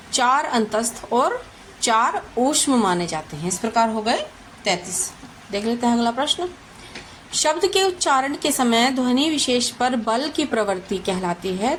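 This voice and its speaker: Woman tutor, fairly high voice, slow and careful, faint noise behind. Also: rough recording. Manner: slow, deliberate, repeats answers with frequent hesitations. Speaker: teacher. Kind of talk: exam question walkthrough lesson.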